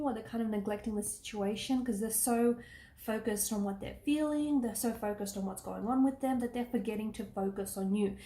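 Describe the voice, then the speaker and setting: A woman's voice: on the high side, mellow, echoey room. Earnest tarot-reading woman, losing her voice. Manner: reassuring, earnest, many fillers like "you know" and "okay". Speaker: tarot reader. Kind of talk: casual tarot reading to camera.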